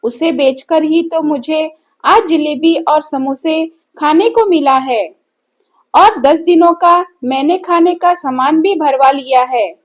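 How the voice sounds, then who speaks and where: A woman voicing a greedy, scheming village wife who talks in a sharp-tongued, scolding way. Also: high voice, slow. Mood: gloating.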